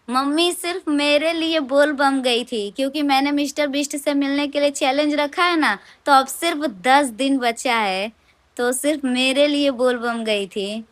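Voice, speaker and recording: A woman vlogger from Uttar Pradesh, India, talks to camera in a high, fairly bright voice made hoarse by a sore throat, coughing as she goes. She chats casually, calling viewers "guys," both outdoors at a crowded temple and at home.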